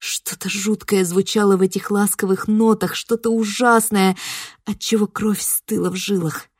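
A woman tells a first-person horror tale with tense, dramatic delivery. Her voice is husky and sits at a middling pitch. The recording is close and dry, with no room sound. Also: steady tone, moderate pace, dry recording. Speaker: audiobook narrator.

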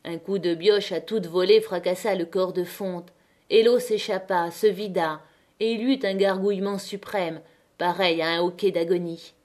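A woman narrating a classic novel as an audiobook, with measured, dramatic reading. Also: on the low side, steady tone, a little mellow. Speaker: audiobook reader.

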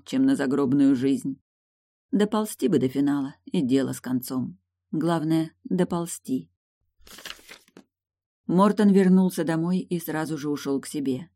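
An audiobook narrator reading a novel in a steady, even scripted narration. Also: medium pitch, dry recording, studio quality.

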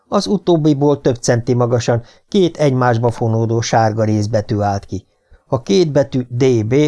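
Audiobook narrator, man, warm dark timbre, dramatic delivery. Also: medium pitch. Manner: dramatic storytelling. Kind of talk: scripted narration.

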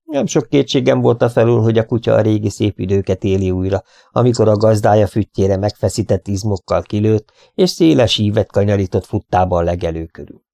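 A man reading an audiobook in an expressive, measured storytelling manner. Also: lowish voice, vocal fry, no echo, clean studio sound. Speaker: audiobook narrator. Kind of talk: scripted audiobook narration.

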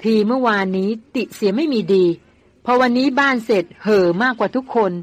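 A woman's voice: a little high, lightly acted. A woman reading as a bossy young woman doctor. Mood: teasing. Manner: scolding, quick-tongued.

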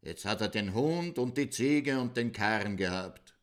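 A man reading a folk tale aloud in a measured, deadpan way. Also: medium pitch. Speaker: storyteller.

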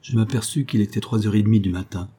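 A distressed young army lieutenant recounts how he was seized, his voice low and husky, as a male audiobook reader gives him lines. He tells it earnestly, in the first person, in a dark, mellow tone. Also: fairly even intonation, fast talker. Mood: tense. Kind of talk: audiobook reading.

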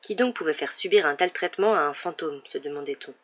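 Man narrator, audiobook reading, slightly high voice, muffled lo-fi recording. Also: fast. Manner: reads all the characters with raised pitch for quoted lines. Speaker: audiobook reader. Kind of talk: scripted narration. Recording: dull lo-fi recording.

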